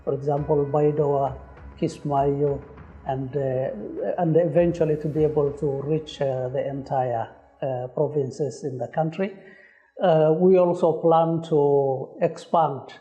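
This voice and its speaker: A college manager gives a documentary interview, pausing often and filling the gaps with hesitation sounds. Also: male voice, fairly high pitch, fairly even intonation, mellow, muffled recording, soft background music. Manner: hesitant, many filler sounds.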